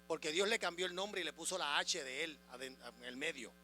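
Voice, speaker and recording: A man preaching a sermon as a pastor, swinging between loud proclamation and quiet asides, asking the congregation questions. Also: a little high, a little fast. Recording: music and mains hum behind.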